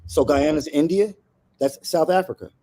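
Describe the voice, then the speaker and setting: A man's voice: on the high side, moderate pace, warm tone. A man co-hosting a casual talk show, explaining himself in defensive, rambling bursts with many restarts. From Honduran family, raised in America. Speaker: co-host. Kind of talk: casual debate chat.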